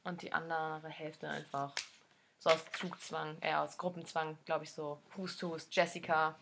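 A woman's voice: low voice, flat delivery, unhurried, vocal fry, noisy background. Slangy, rambling young woman podcaster. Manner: rambling, slangy, acts out quotes. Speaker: podcast co-host. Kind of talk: casual book-discussion chat.

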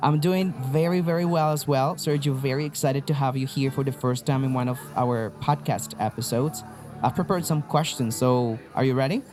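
A man's voice: mid-range voice, moderate pace, a little mellow, soft background music. A man hosting an interview podcast, upbeat and encouraging, often saying "you know". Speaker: podcast host, faculty manager.

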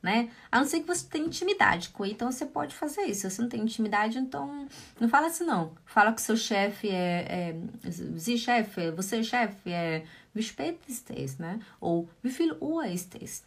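Lively woman teaching German. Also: on the high side, breathy edge. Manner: lively, drills phrases slowly, often asks "né?". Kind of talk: live online language lesson.

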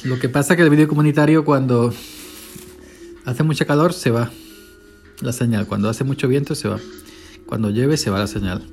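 Chatty farmhand podcaster. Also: male voice, medium pitch, moderate pace, pauses often, a little mellow, soft background music. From Spain. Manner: chatty, eats while talking. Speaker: podcast host, farm day laborer. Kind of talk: casual rambling podcast monologue.

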